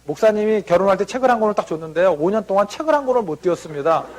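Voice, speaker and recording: High-voiced man telling stories onstage. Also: expressive, racing, slight background noise. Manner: anecdotal, acts out family members' lines in quotes. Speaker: business leader giving a seminar talk. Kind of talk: motivational storytelling talk.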